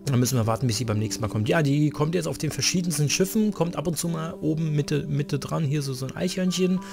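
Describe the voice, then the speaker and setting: Gravelly let's play host, slightly high voice, chatty, music behind. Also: male voice, fast. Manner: chatty, filler-heavy, talks to himself. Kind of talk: casual gameplay commentary.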